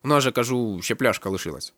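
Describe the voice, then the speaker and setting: A man reading an audiobook, voicing a rough young man nicknamed Dog who grumbles in a gruff, sarcastic way. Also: mid-range voice, animated, quick pace, a bit bright, dry recording, voice pushed up.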